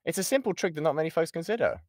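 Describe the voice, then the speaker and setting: Racing along in a voice on the high side with lively intonation and a darkish tone, a British voice actor teaches an informal lesson on an online call. He's close to the mic with no room sound, taking audience questions, chatting, joking, and often interrupting himself.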